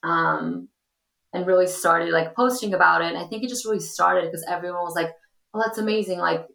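A young woman from Portugal, an influencer appearing as a podcast guest, chats casually in a low, gravelly, slightly bright voice at a brisk pace. She's full of ums and you-knows, and an echoey room makes her voice ring a little.

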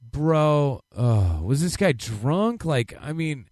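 A man's voice: fairly high pitch, very animated, slow, darkish tone, no room sound, clean studio sound. A man in his late thirties, co-hosting a podcast in casual chat, reacting with blunt, profane exclamations. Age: 30s. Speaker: podcast co-host.

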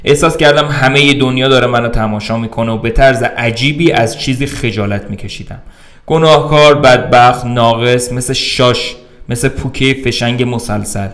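A man's voice: medium pitch, a bit bright. A man narrating a first-person short story aloud for a podcast, in a wry, conversational telling.

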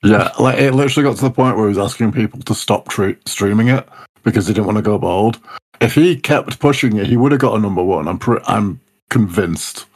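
A young man, chatting about music in relaxed, slang-filled banter. His voice is husky and a little breathy and sits low. He sounds easygoing throughout. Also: a little fast. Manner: laid-back, slangy banter. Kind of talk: casual chat about music.

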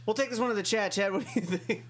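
A man's voice: sits high, fast, a bit bright. A man co-hosting a podcast, bantering casually with the others. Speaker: podcast co-host.

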